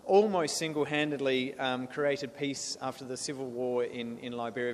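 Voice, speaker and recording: A guest speaker from South Australia gives an earnest presentation to a club, restarting often and using lots of fillers. His voice sits in the mid range, and the echoey hall adds faint noise.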